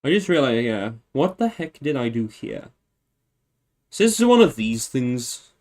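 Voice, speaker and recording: A man's voice: mid-range voice, big pitch swings, a little slow, darkish tone. A man hosting a livestream, casually thinking aloud, often correcting himself and chuckling. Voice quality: meandering, self-correcting, chuckling. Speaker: livestream host.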